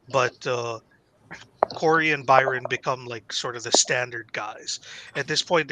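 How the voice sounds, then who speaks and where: A man's voice: mid-range voice, noisy background. A man co-hosting a casual podcast, knowledgeably explaining wrestling history in a rambling way with plenty of fillers.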